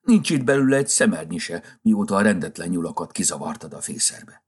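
A man's voice: deep voice, lively intonation, husky. A man voicing a gloomy little krampus helper in a storybook reading, with a grumbling, indignant manner.

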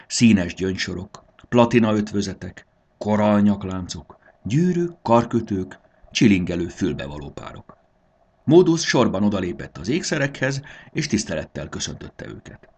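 Guy reading a kids story, deep and gravelly, really lively up and down. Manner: expressive, sing-song storytelling. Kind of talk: scripted storybook narration.

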